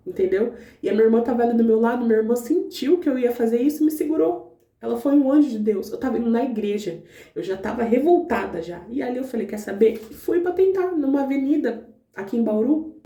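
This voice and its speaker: A woman's voice: a little high, warm tone. A woman giving her faith testimony to the camera in casual, earnest talk. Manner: earnest, talks straight to viewers. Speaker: vlogger sharing her testimony. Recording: roomy echo, distant mic.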